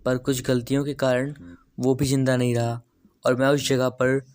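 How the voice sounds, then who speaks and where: A man voicing the ghost of a gentle young woman, telling her past in a quick, confiding way, in a spoken horror story. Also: medium pitch, level tone, dry recording, studio quality, soft background music, natural voice.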